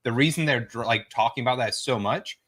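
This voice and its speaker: Brief: male podcast guest, bright forward tone, filler-heavy quick arguing. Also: medium pitch, breathy edge. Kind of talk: casual podcast chat.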